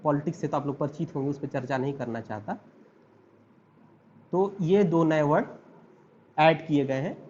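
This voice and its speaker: A man with an Indian accent gives a law lecture and goes over each term several times. His voice sits fairly high, and he spells names out slowly. The recording is dull and lo-fi, with a faint hiss underneath. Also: darkish tone. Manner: repeats and spells out terms slowly, asks students to write along.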